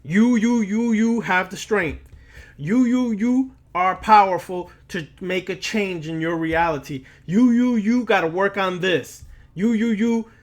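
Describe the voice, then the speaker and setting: Speaking slowly in a notably high-pitched voice, a man who teaches and lectures on the occult delivers an off-the-cuff talk that sounds like a sermon. He lectures the listener directly in a preachy, admonishing way and repeats words and phrases to drive points home.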